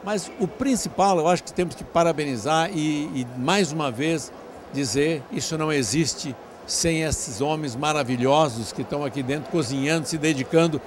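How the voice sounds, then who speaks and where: A man's voice: on the high side, normal speed. Effusive older man at a noisy event. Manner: effusive, grateful, talks in long flowing runs. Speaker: event organizer being interviewed. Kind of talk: outdoor event interview. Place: large covered event hall, crowded charity dinner. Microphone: handheld mic.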